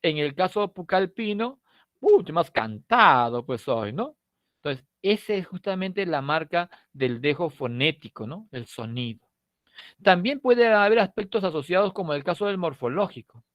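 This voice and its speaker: Teaching a prep-course language class, a middle-aged man from Lima, Peru, talks with a Lima Spanish accent in a high voice with lively intonation and moderate pace. He keeps it conversational, jokes with his students, and frequently closes sentences with the tag "¿no?"; the recording is dry and of studio quality.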